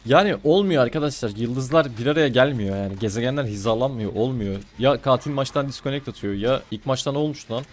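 A man's voice: mid-range voice, fast talker, hardly any pauses, slight background noise. Chatty man commentating his gameplay. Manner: chatty, teasing and exasperated. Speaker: gaming streamer.

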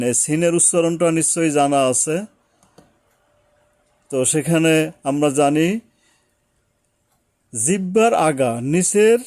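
A man gives a slow, patient recitation lesson, pausing often and repeating syllables to demonstrate each sound. His voice is mellow and unhurried. The recording is dry and close, with no room sound. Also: fairly high pitch, no room sound. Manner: slow, patient explaining with pauses. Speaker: Quran recitation teacher.

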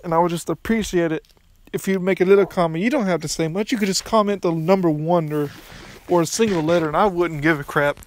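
A man's voice: sits high, fast, a little hiss or hum. A young man casually commenting on his gameplay, rambling and restarting his sentences, recorded on a phone outdoors by a pool. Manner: rambling, restarts often, mildly crude. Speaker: gaming YouTuber.

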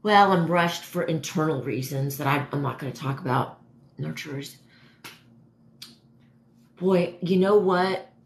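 Answering viewers on her livestream, a woman in her forties chats in a casual, halting way, her voice hoarse and sitting low. She's indoors in a dim living room at home. The phone recording her is propped a step or two away, leaving an echoey, distant sound.

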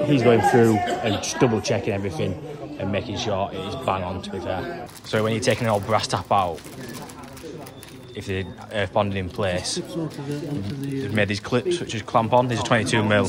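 A young man, a plumber talking casually as he films his work and explains each step in a practical, chatty way. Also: lowish voice. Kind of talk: casual vlog narration. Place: factory floor, then a house kitchen.

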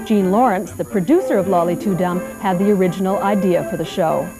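A woman's voice: lowish voice, brisk, over music, rough recording. A woman co-hosting a TV show who reads the lineup and introduces her guest in a presenter's delivery. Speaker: TV show co-host, interviewer. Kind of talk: scripted TV intro and interview questions.

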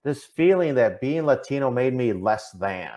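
Warm in tone with lively intonation, a middle-aged man from Minnesota speaks at normal speed in a mid-range voice. As a diversity consultant and interview guest, he gives earnest, conversational answers and often checks in with "right?", sounding distinctly Midwestern. He's on a video call indoors, using the call's microphone.

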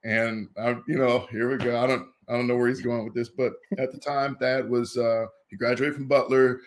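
A man in his fifties from Indianapolis, a former college football player telling stories as an interview guest, in a lively way that acts out the people he quotes. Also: mid-range voice, moderate pace. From Indianapolis, USA. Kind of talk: casual interview storytelling.

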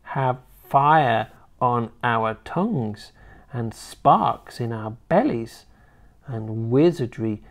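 A storybook reader voicing a sinister, witch-like old grandmother who taunts and threatens in a drawn-out way, slipping into a throaty whisper. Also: lively intonation, vocal fry, heavily acted. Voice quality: shrill and cackling, dropping to a throaty whisper. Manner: slow, drawn-out menacing delivery. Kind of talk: storybook reading.

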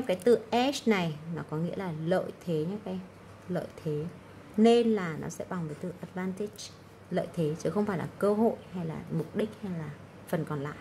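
A woman's voice: fairly low pitch, a little mellow, a little hiss or hum. A woman English teacher going through exam answers, explaining key words and often checking in with "right?". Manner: explanatory, frequent "đúng không?" check-ins.

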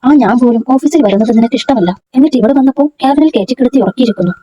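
A woman's voice: fairly high pitch, rapid-fire, mellow, a little hiss or hum, close to an everyday voice. A woman reading the lines of an emotional, insistent young woman in a storybook. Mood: angry. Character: young woman pleading then jealous.

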